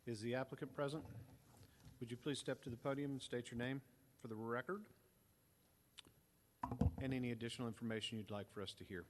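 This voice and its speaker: A man's voice: medium pitch, steady tone, background noise. A man chairing a public board hearing in a formal, procedural manner, heard on a meeting-room hearing recording. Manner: measured, procedural.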